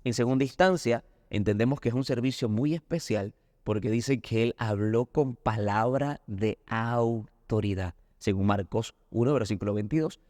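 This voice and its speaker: A man's voice: medium pitch, normal speed, darkish tone, no echo, clean studio sound. A man with a Colombian accent, a pastor earnestly explaining a Bible lesson in a recorded discussion. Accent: Colombian Spanish. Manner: earnest teaching, acts out anecdotes.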